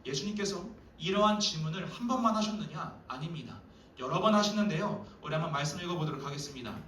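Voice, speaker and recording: A man preaching a sermon to a youth group, lively and acting out quoted dialogue. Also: high-pitched, quick pace, a little hiss or hum. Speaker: youth pastor. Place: church hall. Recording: echoey hall, voice from a distance.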